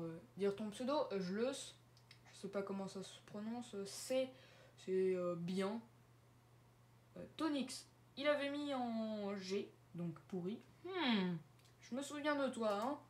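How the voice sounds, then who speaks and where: A woman's voice: mid-range voice, darkish tone. A woman casually walking viewers through her online chat servers on screen, hesitant with many fillers and small giggles. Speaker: Discord server owner showing her servers. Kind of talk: casual screen-share walkthrough. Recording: roomy echo.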